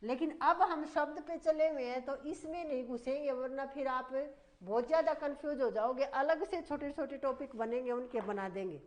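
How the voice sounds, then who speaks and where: A woman's voice: high voice, normal speed. A woman teaching a grammar lesson for exam students, explaining at length and repeating points, often calling her students "bhai".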